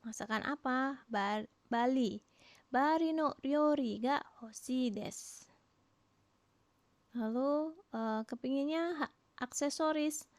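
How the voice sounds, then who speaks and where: A woman teaching a language lesson, explaining patiently and modelling each phrase slowly, with questions rising at the end. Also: sits high, darkish tone, no room sound. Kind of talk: recorded online lesson.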